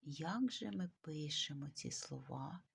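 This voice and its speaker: A woman teaching a video grammar lesson, slowly dictating words with care. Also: low voice, lively intonation, vocal fry, a little hiss or hum. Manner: slow, careful dictation of words.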